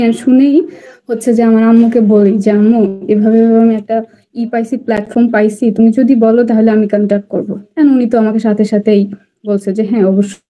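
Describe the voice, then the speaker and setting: A young woman from Bangladesh, a student applicant, chatting excitedly on a video call and slipping English phrases into her talk. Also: a little high. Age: young adult. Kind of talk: casual online interview.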